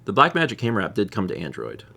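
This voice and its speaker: A man's voice: lowish voice, huge pitch swings, racing, gravelly, bright, forceful tone. A man hosting a casual livestream, rambling and repeating himself as he muses and reads out viewer comments. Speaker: livestream host.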